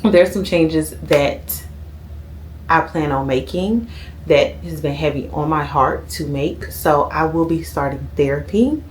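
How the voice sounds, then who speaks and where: A woman's voice: low voice, unhurried, slight background noise. A thirty-year-old woman, chatting casually to her camera at home and tagging "okay?" onto her lines. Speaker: vlogger. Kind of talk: casual sit-down chat to camera.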